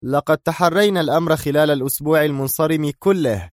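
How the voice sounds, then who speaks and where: A curt, hard-nosed intelligence agent, as a male narrator acts him out in a storybook reading, with a lifted pitch and measured, firm delivery. The recording is dry and close. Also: no room sound, lightly acted.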